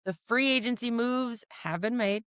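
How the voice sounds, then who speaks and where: A woman's voice: a little high, normal speed, fairly bright tone, clear, resonant tone, no room sound, clean studio sound. Laughing podcast co-host woman. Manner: laughing, teasing, helpful. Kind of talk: casual chat.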